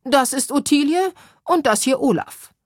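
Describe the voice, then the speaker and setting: A woman voicing a loud, booming old male ghost admiral in an audiobook story. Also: animated, a little slow, dry recording, studio quality.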